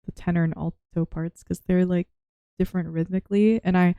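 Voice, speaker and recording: Girl streaming while she draws, rambles all over the place, kinda losing her voice, smooth tone. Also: lowish voice, steady tone, brisk, dark tone, no echo. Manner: rambling, self-interrupting, chatty. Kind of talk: casual stream chat while drawing.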